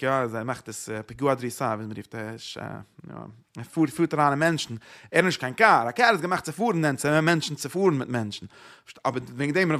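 A man teaching a religious lesson, explaining in loose, repeated phrases with rhetorical questions and many hesitant pauses. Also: medium pitch, a bit bright. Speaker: Torah teacher. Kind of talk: religious lecture.

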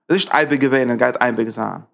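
A man's voice: mid-range voice, quick pace, vocal fry, fairly bright tone. A man teaching a Torah class as a rabbi, driving his points with rhetorical questions and emphatic repetition. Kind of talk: Torah lecture.

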